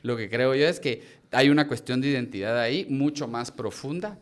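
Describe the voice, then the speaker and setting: Reflective Guatemalan man, mid-pitched voice. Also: normal speed. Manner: reflective, hesitant with many "eh" fillers. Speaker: actor and acting teacher. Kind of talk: casual conversation.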